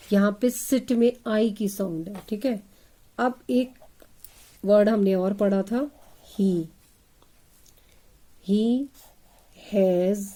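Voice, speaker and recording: Addressing her pupils as children and asking them questions, a woman runs a slow English phonics lesson. She spells words one letter at a time and then sounds them out. Her voice is mellow and mid-range.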